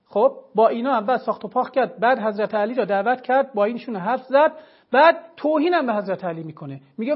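Emphatic male religious scholar, lo-fi. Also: high voice. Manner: emphatic, argumentative, cites sources. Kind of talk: televised religious lecture.

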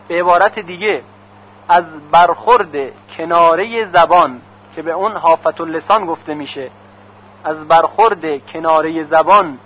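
A man teaching Quran pronunciation, chanting verses slowly and drawn out, then explaining each sound at a brisk pace. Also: high voice. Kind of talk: tajweed pronunciation lesson. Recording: dull lo-fi recording.

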